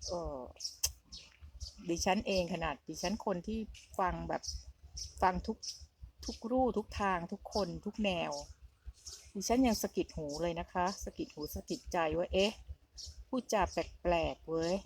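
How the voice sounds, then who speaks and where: A woman's voice: on the low side, measured pace, long pauses, slight background noise. Chatty, rambling middle-aged woman vlogger. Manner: chatty, rambling, repeats herself. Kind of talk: casual storytelling and commentary.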